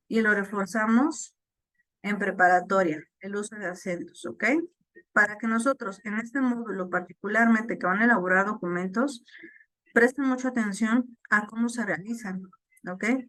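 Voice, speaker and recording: A woman's voice: medium pitch, a bit bright, dry recording. A woman teacher explaining a lesson to her class, checking in often with "ok?". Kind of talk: online class lecture.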